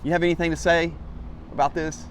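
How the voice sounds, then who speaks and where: A fairly high-voiced man hosts a casual outdoor vlog. He rambles in a folksy, self-effacing way, with some wind and vehicle noise around him. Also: little pitch movement, brisk. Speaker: host of a hiking channel. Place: outdoors by a lake in cold wind. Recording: noisy outdoor audio with vehicle rumble.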